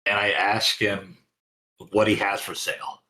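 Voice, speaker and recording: A man's voice: lowish voice, steady tone, unhurried, sharp tone, low-quality recording. Hesitant man at the gaming table. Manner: hesitant, rambling, lots of "like". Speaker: player. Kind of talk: casual tabletop play.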